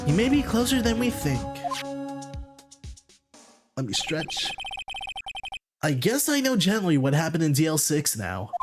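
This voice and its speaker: A woman's voice: sits low, big pitch swings, measured pace, long pauses. A woman giving casual playthrough commentary as a video game streamer. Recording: loud music behind the voice.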